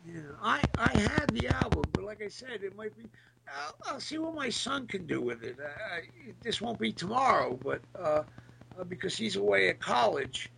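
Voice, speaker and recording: Gritty, gravelly-voiced middle-aged man, reminiscing haltingly. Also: high voice, big pitch swings, noisy background. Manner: halting, hesitant, searching for words. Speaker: podcast guest, former military band musician. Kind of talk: casual reminiscing interview.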